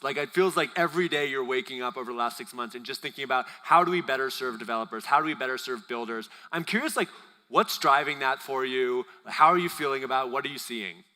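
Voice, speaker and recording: A man's voice: mid-range voice, sharp tone. A man interviewing a guest onstage at a conference, asking his questions in a friendly, curious way. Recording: reverberant hall sound.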